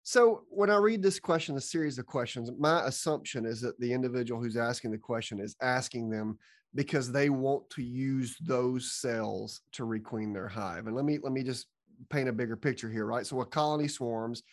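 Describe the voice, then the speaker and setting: Man podcast co-host, methodical explainer, calm and even. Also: mid-range voice, normal speed. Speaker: podcast co-host and beekeeping expert.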